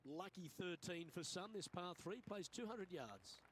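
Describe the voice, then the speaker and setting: A male golf commentator calls the action in a measured, polished announcer delivery. His voice sits slightly higher than most men's. A faint, steady noise runs beneath it. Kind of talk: scripted sports commentary.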